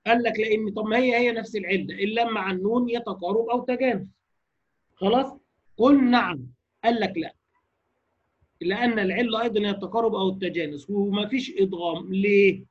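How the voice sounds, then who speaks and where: An Egyptian man gives a recitation lecture in a high, husky voice. He puts questions to the class, then slowly demonstrates each word. The recording is dull and lo-fi. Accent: Egyptian Arabic. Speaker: Quran recitation teacher. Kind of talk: lecture on tajweed rules.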